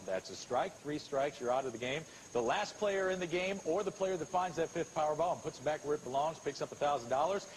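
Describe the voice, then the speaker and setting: An American man hosting a televised game show with smooth patter and drawn-out suspense. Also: a little high. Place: television studio with audience. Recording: noisy old TV broadcast tape.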